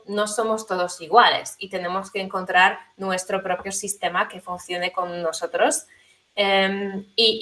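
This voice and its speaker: A woman's voice: mid-range voice, a bit bright. A woman who works as a language teacher, answering interview questions thoughtfully with frequent hesitations and fillers. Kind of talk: conversational interview.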